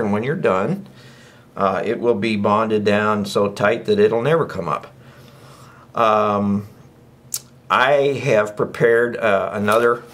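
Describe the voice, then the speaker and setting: Standing at a workbench indoors, an older man demonstrates woodworking in a relaxed, folksy, talkative way, frequently posing rhetorical questions. He speaks at a medium pitch with a little background noise.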